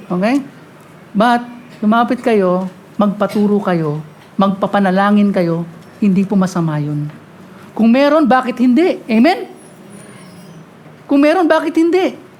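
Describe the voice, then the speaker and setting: A woman preaching a sermon, talking quickly and often asking the congregation "Amen?". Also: mid-range voice, a little mellow, a little hiss or hum. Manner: mixes Tagalog and English, frequent call-and-response "Amen?"; talks fast at times.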